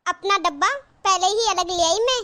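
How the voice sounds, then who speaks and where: A woman voicing a chatty young married sister in a cartoon, with a very high, bright voice. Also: moderate pace. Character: cheerful young married sister visiting her brother. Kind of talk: cartoon voice acting.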